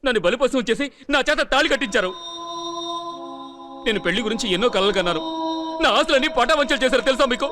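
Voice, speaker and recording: A man's voice: very high voice, animated, fast talker, long pauses, music in the background. An actor playing an unhappy young groom who talks bitterly to his friends in dubbed film dialogue. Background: film score.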